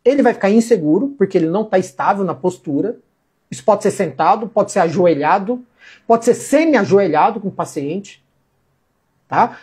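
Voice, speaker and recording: A woman's voice: medium pitch, expressive, moderate pace, a little mellow, slightly rough. A woman with a Brazilian Portuguese accent giving an informal physiotherapy lecture, repeating key points and answering her own questions. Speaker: physiotherapy instructor.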